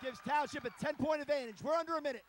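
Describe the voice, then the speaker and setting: A man calling live high school basketball play-by-play in a gym, in brisk, clipped calls that rise to shouts. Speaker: play-by-play announcer. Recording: crowd noise and hiss behind.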